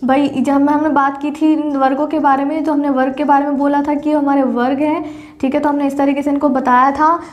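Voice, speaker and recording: High-voiced woman teaching Hindi grammar. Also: little pitch movement, fairly quick. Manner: explains step by step, recites letters one by one, corrects her own slips. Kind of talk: classroom lecture.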